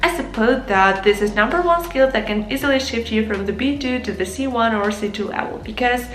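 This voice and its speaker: A young adult woman whose first language is Ukrainian, an English teacher and vlogger, speaks directly to camera with earnest advice on learning English, calling her viewers "guys." Her voice is fairly high, fairly bright, and fairly quick, recorded in an echoey room with faint music.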